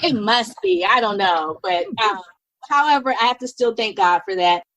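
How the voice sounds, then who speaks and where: Animated woman telling stories, dry sound. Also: mid-range voice, moderate pace, no room sound, poor audio. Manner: lively, animated, acts out quoted dialogue. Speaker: podcast guest, nurse and business owner. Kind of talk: casual conversational storytelling.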